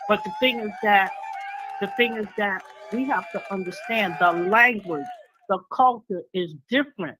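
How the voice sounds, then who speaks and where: A woman in her seventies from New York City calls in to a radio talk show over a phone line, speaking earnestly and repeating points for emphasis. Her voice is medium-pitched and fairly bright at a normal speed, and the low-quality recording carries slight background noise.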